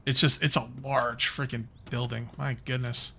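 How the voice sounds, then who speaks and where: Here a man with a mid-range, level voice talks at a moderate pace, with vocal fry and a sharp edge. He's a gaming YouTuber rambling chattily to his audience during a let's-play.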